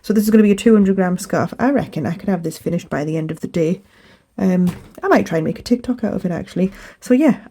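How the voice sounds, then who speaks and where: A young British woman giving a relaxed, rambling crochet tutorial at home, chatting casually with plenty of fillers. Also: fairly low pitch, husky, low-quality recording. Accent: British English. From England. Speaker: crochet vlogger. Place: home, indoors.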